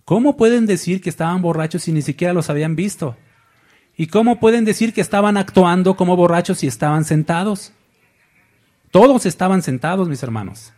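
Husky man preaching, quizzing his listeners. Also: high voice, fairly quick, a little mellow. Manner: asks the congregation questions and answers them. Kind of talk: sermon.

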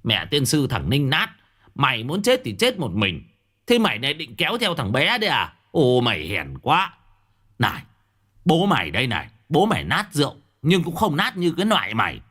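A man's voice: medium pitch, sing-song, unhurried, pitched above the performer's own voice. A man voicing a rowdy, nagging drunken village neighbor in a spoken ghost story. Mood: angry. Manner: loud, nagging, slurring banter.

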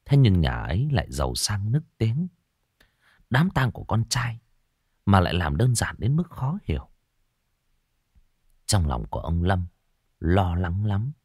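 A man from Northern Vietnam narrating a ghost story slowly and dramatically, dropping to a hush at tense moments. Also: low voice, sing-song, husky, dry recording, clean studio sound.

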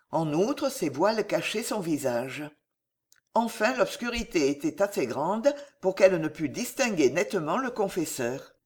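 A narrator giving an expressive, dramatic audiobook reading of a historical novel. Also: medium pitch.

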